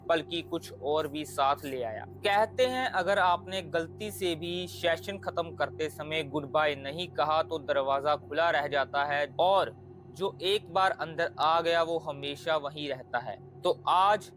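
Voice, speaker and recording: A man narrating a scripted horror story as a channel host, with a slow, hushed, suspenseful delivery. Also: on the high side, rough recording.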